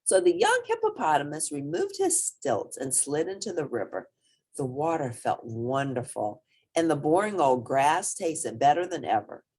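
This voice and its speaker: A woman storyteller reads a picture book expressively. Her voice is a little low and husky, with very wide swoops of pitch. She stresses words dramatically for young listeners. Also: normal speed. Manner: animated, dramatic emphasis. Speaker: children's storyteller.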